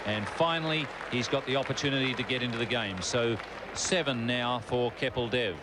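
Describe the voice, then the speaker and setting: A man's voice: medium pitch, normal speed. A man calling cricket ball by ball in a live outdoor broadcast. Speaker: cricket commentator. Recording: noisy outdoor broadcast, loud crowd. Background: loud stadium crowd.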